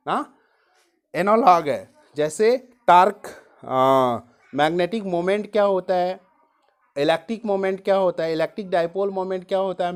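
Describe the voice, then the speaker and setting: A woman physics teacher explaining how to study a chapter for exams. She mixes in English science terms, calls her listeners dear students, and keeps stressing which topics are important. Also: fairly low pitch. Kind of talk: exam study-guide lesson.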